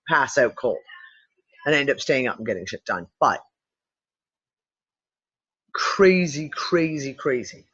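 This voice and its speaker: A host chatting casually on a livestream, rambling and swearing as she tells animated stories. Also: low-pitched, breathy edge, muffled recording. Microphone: computer mic on a video call.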